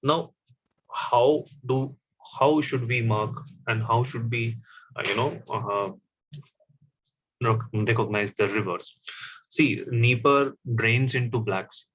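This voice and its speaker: Slow-talking male teacher explaining a map. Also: medium pitch, a bit bright, husky. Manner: slow, stop-start explaining with fillers. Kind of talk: classroom map lesson. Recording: dull, slightly lo-fi audio.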